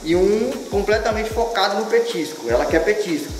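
In a big, strongly reverberant room, a man with a Brazilian accent talks through a dog-training lesson at some distance from the mic. His voice sits on the higher side, and he explains each step informally, repeating phrases to stress them. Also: expressive, moderate pace, a little hiss or hum. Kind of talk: informal instructional demonstration. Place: large bare tiled room indoors. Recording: very echoey room, distant mic, background music.

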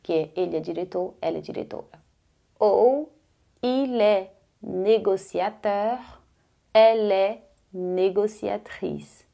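Slow, mellow-voiced woman teaching French. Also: medium pitch, creaky. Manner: slow careful pronunciation drills, repeating words; casual encouraging, addresses viewer directly. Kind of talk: online language lesson.

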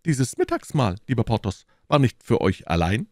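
A vain, affected young musketeer with poetic airs, read aloud by a man. His voice is pitched high above the reader's own and swoops about with lively flourishes. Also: moderate pace, no room sound, studio quality. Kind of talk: audiobook character reading.

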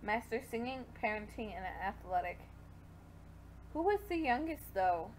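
Young woman, fairly high voice, casual gameplay chatter, talks at her characters, faint room hum. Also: expressive, a little slow. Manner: chatty, talking to the game characters. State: pregnant, hot. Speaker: gaming video creator.

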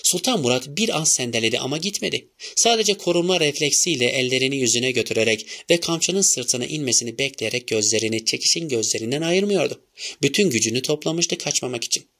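A man narrating a novel as an audiobook in a measured storytelling manner. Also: mid-range voice, lively intonation, bright, forceful tone.

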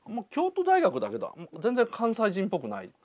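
A man hosts a casual interview, his voice a little high and very lively. He talks quickly and sounds dry and close, teasing his guest and filling the gaps with short nods of agreement. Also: dry recording. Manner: teasing, lots of quick back-channel replies. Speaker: host.

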